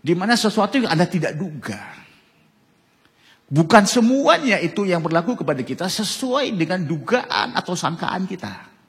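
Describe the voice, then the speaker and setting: A man in his sixties preaches with a lively, swinging delivery and a fairly high voice. His sermon rings through a church hall with a long, echoing reverb. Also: moderate pace. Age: 60s. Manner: animated preaching, often ending phrases with "saudara". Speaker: pastor. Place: church hall with live congregation.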